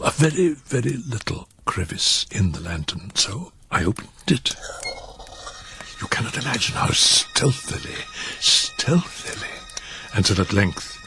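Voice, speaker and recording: A man playing an unhinged, cunning murderer who confesses in dramatic fireside storytelling, with theatrical drawn-out words and a gravelly voice that slips into whispers. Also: a bit bright, exaggerated voice. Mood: stealthy, intense. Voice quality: low gravelly voice breaking into whispers and high cackles. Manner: theatrical, drawn-out words, sudden swings in pitch and pace. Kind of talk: dramatic fireside storytelling of a gothic horror tale.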